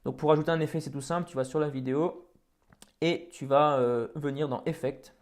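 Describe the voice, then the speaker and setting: Casual French man explaining software. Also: on the high side, fairly even intonation, a little fast. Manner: casual, many fillers and restarts. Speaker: tutorial host. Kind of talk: screen-recorded software tutorial.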